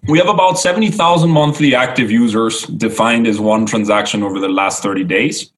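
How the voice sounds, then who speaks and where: A man with a fairly low voice talks as a startup founder being interviewed. His manner is tech-bro, conversational and full of business jargon. He peppers his sentences with "like" and checks in with short tags such as "right?" and "no?". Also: brisk.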